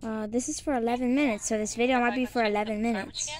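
A woman's voice: fairly high pitch, fairly even intonation, darkish tone. A woman giving casual, off-the-cuff reactions to a video she is watching, often exclaiming and gasping, in a noisy home recording. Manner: exclamatory, with gasps and drawn-out oohs.

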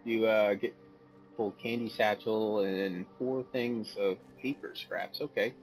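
A man giving casual, goofy commentary over his gameplay, easily distracted and quick to laugh. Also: lowish voice, fairly even intonation, low-quality recording. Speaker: gameplay video host.

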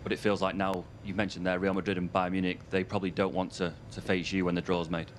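A man's voice: sits low, flat delivery, fast, slight background noise. A male reporter asking a fluent question at a press conference.

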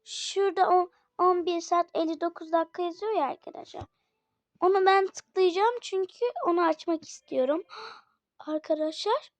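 A woman hosting a gaming channel, commenting chattily on gameplay and often calling out to her viewers with excited exclamations, sounding slightly unwell. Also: extremely high pitch, normal speed, no echo. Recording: dull lo-fi dry recording.

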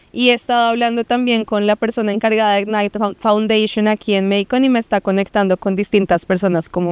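A woman's voice: on the high side, smooth, dry recording. A woman in her thirties from Colombia with a Colombian accent, giving an earnest interview outdoors into a handheld mic, with frequent fillers. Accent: Colombian Spanish. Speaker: interviewee, project founder. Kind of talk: on-camera interview. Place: downtown plaza outdoors.

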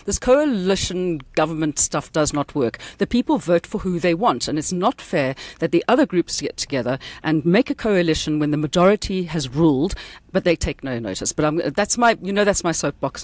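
Chatty, opinionated South African woman co-host, very animated pitch. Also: no echo. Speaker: podcast co-host. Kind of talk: casual podcast chat. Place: Johannesburg, remote call.

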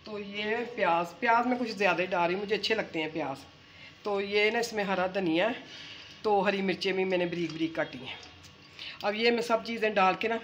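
A woman's voice: medium pitch, a little hiss or hum. A woman from Punjab, the host's mother, demonstrating a home recipe step by step and often checking in with "theek hai". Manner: explains step by step, keeps adding "theek hai" and "haan ji". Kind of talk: homely cooking demonstration.

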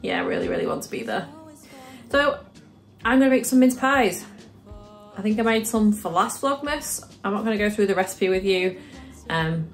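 A British woman vlogs her day in a relaxed, chatty way, talking straight to camera. Her voice sits at an ordinary middle pitch. Soft music plays faintly underneath. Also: normal speed, long pauses. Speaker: vlogger. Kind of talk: casual vlog chat.

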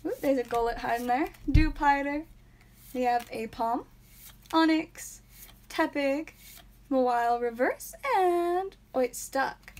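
A young woman hosting a live stream from a small home room, chatting casually and naming each card aloud with bursts of excitement. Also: high-pitched, slow. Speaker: live stream host opening card packs.

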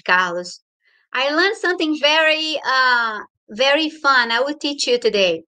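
A woman with a bright, forceful, high-sitting voice and a Brazilian Portuguese accent hosts a casual livestream. She chats playfully and greets viewers by name.

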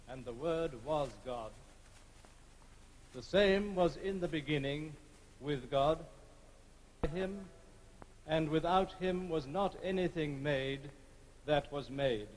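A man reads scripture slowly in a fairly high voice, each phrase measured and solemn. A long cathedral echo trails after his words. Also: darkish tone, a little hiss or hum. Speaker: scripture reader. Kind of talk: formal scripture reading. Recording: long reverb of a large church.

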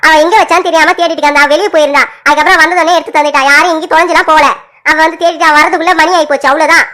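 A woman's voice: high-pitched, steady tone, very fast, fairly bright tone. An actress playing a young daughter who explains and pleads with her mother in a family drama. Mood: defensive. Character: young daughter, defensive but reassuring.

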